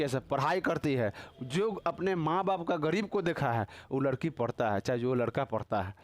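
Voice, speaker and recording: A man's voice: on the high side, no room sound. A man teaching a casual grammar class, teasing and quizzing his students with constant tag questions.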